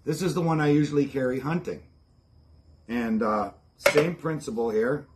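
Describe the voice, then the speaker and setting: A man's voice: mid-range voice, moderate pace, noisy background. Folksy middle-aged Ontario man. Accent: Ontario Canadian. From Ontario, Canada. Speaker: host of outdoor preparedness channel. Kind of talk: casual how-to demonstration to camera. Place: covered backyard patio, outdoors.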